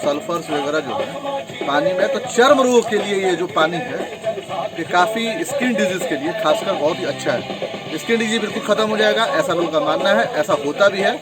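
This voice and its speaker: A man's voice: high-pitched, expressive, normal speed. Chatty man on a hill trek. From Bihar, India. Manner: chatty, encouraging, talks while hiking uphill. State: slightly out of breath. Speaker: trekking vlogger. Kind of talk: casual chat while trekking. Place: outdoors on a hill path. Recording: music playing underneath.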